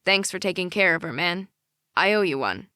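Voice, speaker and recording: A woman's voice: fairly low pitch, expressive, normal speed, bright, forceful tone, clean tone, no echo, studio quality. A woman voicing a worried teenage brother in an audiobook, consoling and a little hesitant.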